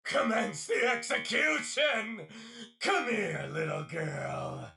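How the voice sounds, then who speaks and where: An actor playing a gleefully bloodthirsty monstrous guard in a video game, menacing and theatrical. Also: male voice, sits high, sing-song, takes it slowly, gravelly, exaggerated voice. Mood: gleeful menace. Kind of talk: video game villain acting.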